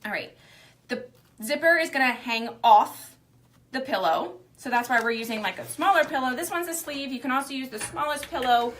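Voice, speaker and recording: A woman's voice: high voice, normal speed, a bit bright. A young woman hosting a live craft demonstration, talking casually with lots of fillers as she works. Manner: chatty, lots of likes and fillers. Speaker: craft demo host. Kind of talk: live demo chat.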